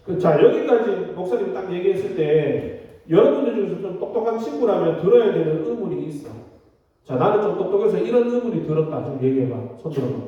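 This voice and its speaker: A man's voice: high voice, dark tone. A man who is a youth pastor, giving a casual, chatty sermon and teasing the children with direct questions. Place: church hall. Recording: distant, echoey, dull hall recording.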